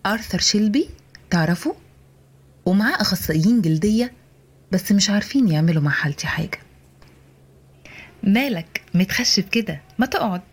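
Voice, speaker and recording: A woman with an Egyptian Arabic accent voicing a disfigured 36-year-old patient in an audio drama, talking softly with dry teasing. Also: medium pitch, lively intonation, fairly quick, husky. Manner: soft, sometimes whispering, dryly teasing.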